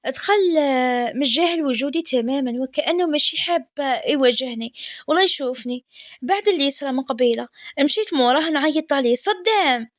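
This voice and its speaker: A woman with an Algerian Arabic accent narrating a first-person story in a soft, intimate way. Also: high voice, quick pace, no room sound, clean studio sound.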